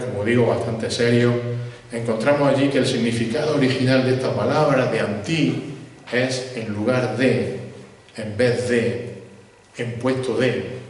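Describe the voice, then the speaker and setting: Male preacher, measured expository delivery, recorded far off in a reverberant church hall with faint background noise. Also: medium pitch, a little mellow. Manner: measured, stresses key words slowly. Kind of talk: expository sermon.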